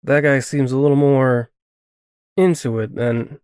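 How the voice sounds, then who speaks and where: A man's voice: medium pitch, steady tone, unhurried, a little mellow, clean tone, dry recording, studio quality, lightly acted. A male audiobook narrator voicing a mild, hesitant young male vampire.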